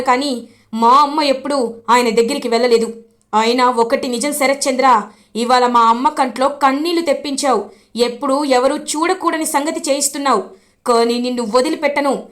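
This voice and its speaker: A woman voicing Gagan, a furious young hero. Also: high-pitched. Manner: shouting, indignant. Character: angry protective young man, hero.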